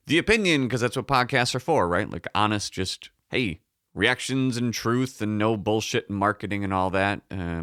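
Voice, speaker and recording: A man's voice: fairly low pitch, a bit bright. A man with a slightly froggy morning voice hosting a podcast alone, talking casually in a rambling, emphatic, self-correcting and sweary way. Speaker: podcast host. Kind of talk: casual solo podcast talk.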